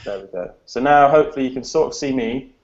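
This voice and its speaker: A man explaining and demonstrating a music device in a relaxed, thinking-aloud way, captured in a screen recording of a video call. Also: medium pitch, quick pace, muffled recording, crowd noise. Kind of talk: informal demo on a video call. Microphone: computer mic on a video call.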